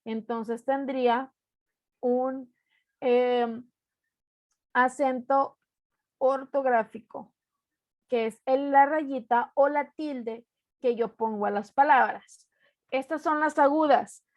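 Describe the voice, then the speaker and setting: A woman's voice: high-pitched, steady tone, slow pace, pauses often, no echo, muffled recording. A young woman from Mexico teaching an online class, patiently explaining rules step by step and repeating them.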